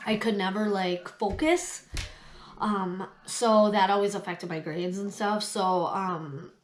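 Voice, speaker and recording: A woman tells her own story in a candid, conversational way. Her nose sounds stuffed up with a cold, and her voice sits at a middle pitch. She goes hesitantly, pausing to recall things as she speaks. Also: steady tone. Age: adult past late twenties. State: has a cold. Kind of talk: candid personal storytelling to listeners.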